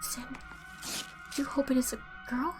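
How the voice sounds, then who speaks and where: A woman's voice: high voice, a little slow, music in the background. A woman voicing an anguished fourteen-year-old noble girl who talks to herself in frantic bursts. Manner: frantic, distraught, talking to herself.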